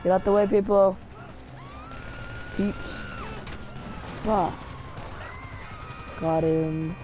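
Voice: mid-range voice, fairly even intonation, extremely slow, music in the background. A gamer giving casual commentary over their own gameplay, chatty and talking back to the characters on screen. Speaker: gamer narrating own play.

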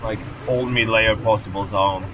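A French sailing vlogger in his thirties narrates casually to the camera from the open deck of a racing sailboat at sea, staying calm with viewers but shouting instructions to the crew. His voice is fairly low and his speed normal, though the recording is muffled and carries background noise.

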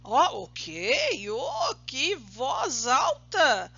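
Slow, bright-voiced woman teacher drilling words. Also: sits high, huge pitch swings, gravelly, dull audio. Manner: slow, drawn-out drilling of words, praising often. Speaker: primary school English teacher. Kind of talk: recorded remote English lesson for children.

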